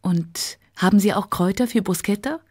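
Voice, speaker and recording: A woman's voice: medium pitch, moderate pace, a little mellow, husky, no room sound, studio quality, lightly acted. A woman voicing a curious young Italian woman visiting a city, asking eager questions.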